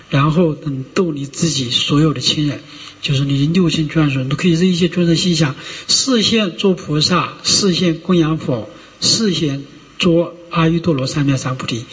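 A high-pitched male monk delivers a discursive Buddhist sermon. He fills his pauses with drawn-out sounds and keeps asking the listeners whether they follow. The recording is dull and lo-fi and carries a long hall reverb. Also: a bit bright. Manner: discursive, many drawn-out "ah" fillers and rhetorical "you know?" checks.

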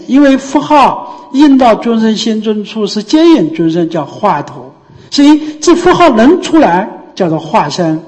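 Dharma-talk teacher, mid pitch, explains patiently with rhetorical questions, recorded with long hall reverb. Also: a little mellow. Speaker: Buddhist teacher.

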